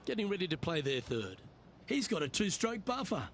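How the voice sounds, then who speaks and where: High-pitched male golf commentator. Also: very animated, a little fast, fairly bright tone. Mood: composed, observant. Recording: clear outdoor background noise.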